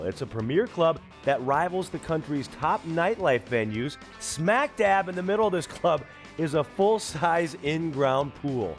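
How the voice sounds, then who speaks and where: A man hosting and commentating a televised poker tournament in an enthusiastic, friendly broadcaster manner. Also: on the high side. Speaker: host.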